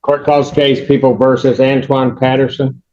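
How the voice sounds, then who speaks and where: A man serving as judge, speaking in a measured, formal way through court proceedings, heard in a courtroom recording. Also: mid-range voice, level tone, background noise. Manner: measured, formal, reads plea terms aloud. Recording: muffled courtroom recording with faint clicks.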